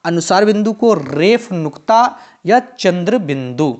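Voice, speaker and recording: A male teacher running an exam-prep grammar lesson, drilling students with quick repeated questions and answers. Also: high voice, animated, a little mellow. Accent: Hindi-belt Indian.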